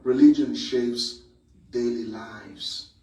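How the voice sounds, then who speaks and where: Man from nigeria giving a panel talk, real slow with lots of ums, sounds far off in a roomy space. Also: medium pitch, gravelly, darkish tone, soft background music. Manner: slow, measured, frequent um pauses. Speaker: priest and academic speaker. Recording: echoey room, distant mic.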